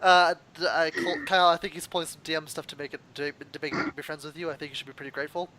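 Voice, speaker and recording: Man, tabletop player, excitable, joking, high pitch, bright tone. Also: fast talker, a little hiss or hum. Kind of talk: casual tabletop game chat.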